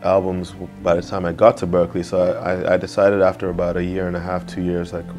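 A young man from Nigeria, a music producer, talking casually in an interview in a music studio, often saying "you know". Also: sits low. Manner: relaxed, fills pauses with "you know".

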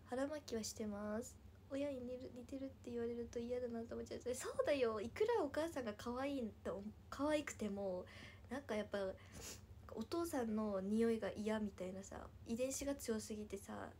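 A woman's voice: a little high, darkish tone, a little hiss or hum. A woman in her twenties from Nagasaki, with a Nagasaki Japanese accent, chatting casually on a livestream, giggling often and dropping into whispers as she answers viewer comments. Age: 20s.

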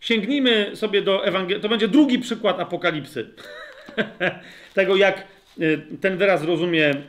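A man's voice: sits high, fairly bright tone. A man leading a Bible study lecture, reading scripture aloud and stopping often to check that his listeners follow. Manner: addresses listeners directly, asks checking questions; reads scripture aloud, slows down for emphasis. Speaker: Bible teacher.

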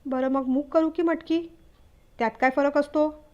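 A woman's voice: high-pitched, steady tone, moderate pace, lo-fi sound, close to an everyday voice. Woman voicing a shy young bride. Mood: timid. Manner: hesitant, quiet. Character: shy, timid young newlywed wife.

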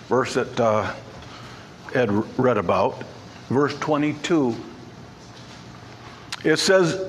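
Pastor guy preaching in church, kinda high voice, repeats words for punch, bit of hiss. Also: fairly bright tone. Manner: emphatic, repeats key words. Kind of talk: sermon. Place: church sanctuary.

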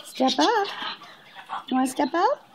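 A woman's voice: sits high, expressive, a little slow. A woman cooing in sing-song baby talk to her pet bird at home, coaxing it to step up. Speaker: pet owner. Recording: loud background noise, bird squawks.

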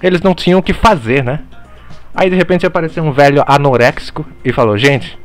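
A man playing a mock teacher in a parody online lecture, deadpan and mock-serious, swearing casually while talking over slides. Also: on the high side, fast talker, faint music behind.

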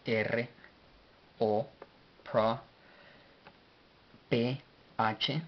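A man teaching a language lesson, slowly spelling words out letter by letter. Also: mid-range voice, fairly even intonation. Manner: slow and deliberate, spells letter by letter. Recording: dull lo-fi recording with faint hiss.

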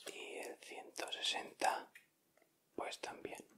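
A young man hosting an ASMR channel whispers in a Castilian Spanish accent. His whisper is crisp and bright, and he speaks very slowly and directly to his viewers.

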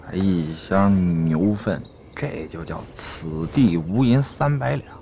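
Gruff soldier, deep gravelly voice, drawls, faint birds outside. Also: male voice, expressive, slow pace, mellow, slight background noise, heavily acted. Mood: sly. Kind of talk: TV war drama acting.

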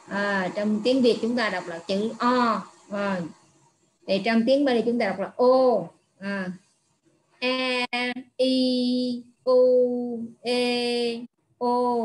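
Patient nun teaching. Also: female voice, on the high side. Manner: patient, slow explaining with frequent filler sounds. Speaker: Buddhist nun teaching Pali. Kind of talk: online pronunciation lesson.

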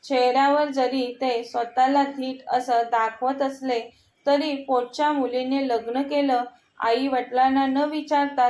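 A woman storyteller with a high voice reads a dramatic story with emphasis. The recording is roomy and echoey. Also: a little mellow. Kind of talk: story narration.

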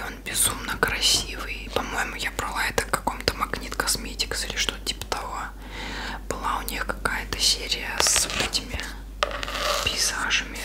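A woman whispers softly in a casual, informal ASMR ramble, thinking aloud close to the microphone. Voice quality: soft unvoiced whisper. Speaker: ASMR video creator.

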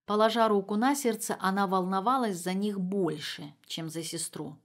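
Expressive woman reading an audiobook. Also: mid-range voice, normal speed. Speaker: audiobook reader. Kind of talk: audiobook narration of a humorous story.

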